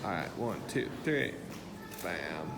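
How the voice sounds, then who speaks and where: A man's voice: sits low, very animated, slow, vocal fry. Cheery man counting off photos. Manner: cheery, short interjections. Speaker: event photographer. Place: art gallery event. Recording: echoey room, loud crowd and noise.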